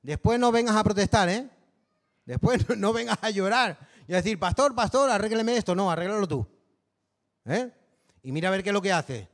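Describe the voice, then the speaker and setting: A pastor with a Canary Islands accent preaching a sermon in a conversational way, often checking in with the congregation. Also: male voice, sits high, normal speed, pauses often, big-room sound. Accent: Canary Islands Spanish. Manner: conversational preaching, peppered with rhetorical tags.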